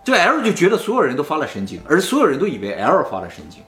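A man tells a spooky tale in casual chat, acting out each quoted line. He talks fast, and his fairly high voice swoops all over. The room is echoey, with faint music behind. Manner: animated, acts out quoted lines. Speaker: storyteller host.

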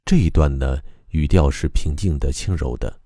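A man teaching how to recite a poem, explaining calmly and methodically with frequent pauses. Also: rumbling low, no echo, studio quality, faint music behind. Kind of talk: explanatory lesson on reading poetry aloud.

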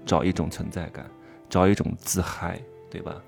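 A man giving an animated monologue lecture, firing rhetorical questions and stressing key words. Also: sits low, moderate pace, gravelly, soft background music. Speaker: commentator teaching expression.

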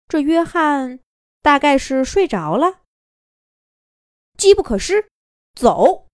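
A woman narrating a children's fairy tale with lively, expressive storytelling. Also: mid-range voice, no echo, studio quality.

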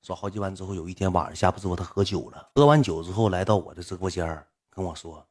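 A man's voice: low-pitched, steady tone, fast, breathy edge. A young man with a Northeastern Chinese accent, a livestreamer telling a story in a rambling, coarse, blunt way. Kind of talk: casual storytelling.

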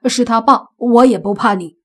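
A woman's voice: fairly high pitch, normal speed, pitched above the performer's own voice, close to an everyday voice. A woman reading an audiobook and voicing a cocky young man who talks in a brash, mocking way with casual slang.

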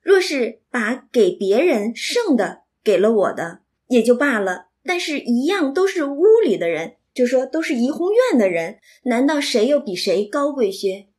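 A woman's voice: on the high side, sing-song, normal speed, few pauses, a little mellow. Give me a woman playing a proud, scornful young servant girl in a storybook. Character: proud, sharp-tongued young maidservant.

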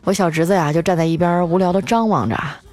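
With a low-leaning, darkish voice and a fast delivery, a radio-style comedy host runs a comic storytelling show. She is chatty and playful, stretching out her sentence endings, with faint music behind her.

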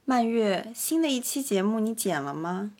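A woman in casual podcast chat who sounds calm and dry, at an ordinary mid pitch. She answers plainly and leaves the jokes understated, with music playing clearly in the background. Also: moderate pace. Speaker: podcast co-host and music teacher.

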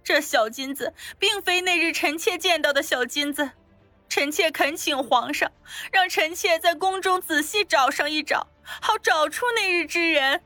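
Woman voicing a young imperial consort, wronged, tearful pleading, sharp bright tone, dry close sound. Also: high voice, normal speed, dry recording, faint music behind. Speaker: voice actor. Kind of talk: Chinese palace audio drama acting.

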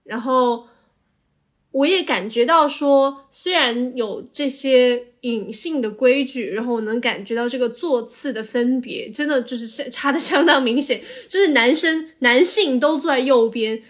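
Female co-host, somewhat high pitch, casual and reflective, analytical explainer who talks at length. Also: a bit bright. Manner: analytical, explains at length with occasional English filler. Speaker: podcast co-host.

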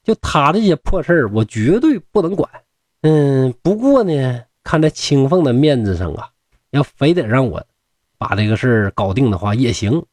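A man's voice: medium pitch, sing-song, moderate pace, darkish tone, dry recording. A man voicing a proud young scholar who teases and grumbles in blunt colloquial speech. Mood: mocking. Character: proud young scholar, teasing and grudge-holding.

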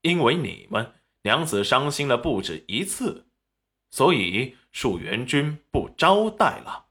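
A man's voice: medium pitch, very animated, takes it slowly, a bit bright, heavily acted. A man voicing a cold, composed young husband who dismisses his in-laws curtly. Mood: icy. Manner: icy, clipped.

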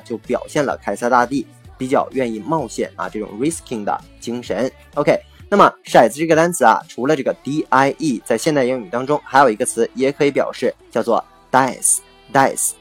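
A man hosting a podcast vocabulary lesson, explaining patiently, spelling words letter by letter and slowing down for English phrases. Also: medium pitch, breathy edge. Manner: ends phrases with drawn-out particles.

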